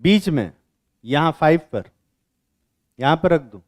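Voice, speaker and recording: A man teaching chemistry to a class, quizzing students and teasing them in blunt, rough slang. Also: a little high, lively intonation, a little slow, dry recording, studio quality. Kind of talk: classroom lecture with questioning.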